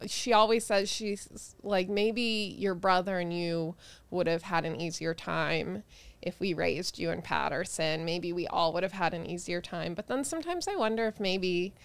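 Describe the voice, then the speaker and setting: A woman's voice: lowish voice, moderate pace, clear, resonant tone, no room sound. A woman in her thirties from New Jersey, chatting casually as a guest comedian on a podcast and laughing often. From New Jersey, United States. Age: 30s.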